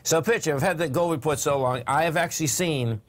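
Older man hosting, slightly high voice. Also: a little fast. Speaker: trading show host. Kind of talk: casual market talk. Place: TV studio at a desk.

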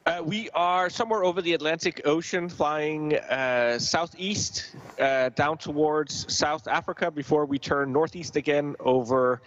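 A man speaking as an astronaut over a radio downlink from space. He talks in a measured way and pauses often on "uh". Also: on the high side, a bit bright. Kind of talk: live space-to-ground call. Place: space station. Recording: dull lo-fi radio link.

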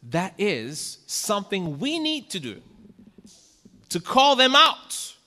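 Preaching slowly from the pulpit mic, a middle-aged pastor uses a bright, forceful voice that sits high and swings hugely in pitch. He asks his congregation questions and rises to emphatic climaxes, the church hall lending a long reverb.

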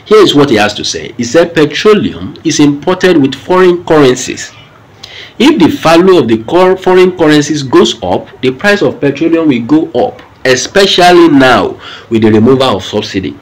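Lively Nigerian man explaining the news. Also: fairly high pitch, moderate pace, rough recording. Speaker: commentator. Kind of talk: news commentary.

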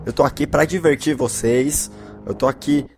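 A young man from Brazil commentating a video game, excitable, switching between loud bursts and hushed whispers. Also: mid-range voice, normal speed. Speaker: gameplay commentator. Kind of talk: Minecraft let's play commentary. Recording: faint game music behind.

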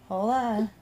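A woman's voice: sits high, heavy background noise. A mother on a casual family video call at home, playfully coaxing her small child, heard through a phone.

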